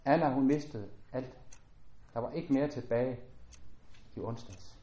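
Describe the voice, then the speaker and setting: A man preaching a sermon as a pastor, earnest and measured, his voice dropping at the ends of phrases. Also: medium pitch, mellow, reverberant.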